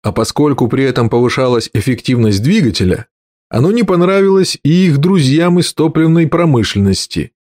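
Мужчина читает за сердитого изобретателя. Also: male voice, mid-range voice, very animated, normal speed, a little mellow, no room sound, studio quality. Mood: bitter. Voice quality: slightly husky note. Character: angry middle-aged male inventor. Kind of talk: audiobook reading.

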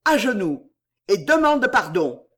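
A man reading the part of a calm, authoritative older Jesuit leader in an audiobook. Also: high-pitched, a little slow, heavily acted. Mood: commanding.

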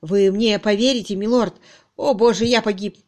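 A woman's voice: fairly high pitch, normal speed, darkish tone, lightly acted. Woman narrator voicing a scared young constable, pleading, desperate. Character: frightened young male village constable. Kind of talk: audiobook reading.

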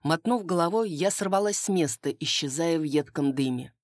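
A woman narrating a first-person fantasy audiobook in a steady storytelling manner. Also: deep voice, normal speed, no echo, studio quality.

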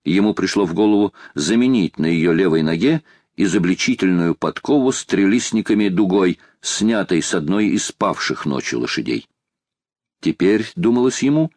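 A man narrating an audiobook in a measured, even storytelling manner. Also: lowish voice, no echo, studio quality. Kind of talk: scripted narration.

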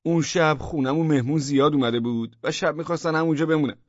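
A man voicing a brash, cheating man who loudly and indignantly defends himself, in a storybook reading. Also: big pitch swings, breathy edge, dry recording, lo-fi sound. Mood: pleading. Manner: loud, indignant, high-strung.

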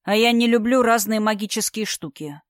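A woman reading the part of a gruff, stern man who talks curtly and grumbles, in an audiobook. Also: fairly high pitch, moderate pace, dry recording, clean studio sound, natural voice. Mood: irritated. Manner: grumbling, curt. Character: gruff stern man, a wary traveling companion. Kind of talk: audiobook character voice.

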